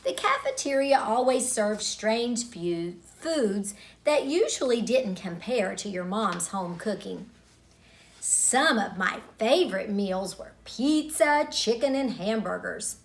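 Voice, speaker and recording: A middle-aged woman tells children a story from her childhood, deliberately and expressively, with dramatic pauses. Her voice is mid-range.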